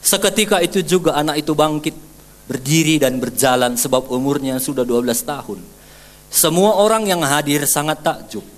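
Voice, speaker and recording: Animated high-voiced pastor preaching. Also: male voice, moderate pace. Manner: animated, acts out scenes with loud high outbursts. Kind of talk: sermon.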